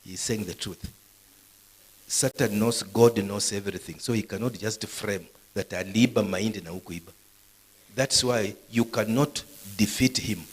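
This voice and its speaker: A man's voice: lowish voice, normal speed, slightly rough, low-quality recording. A man preaching a live sermon to university students, quizzing the audience with questions as he goes. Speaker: pastor. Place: university gathering.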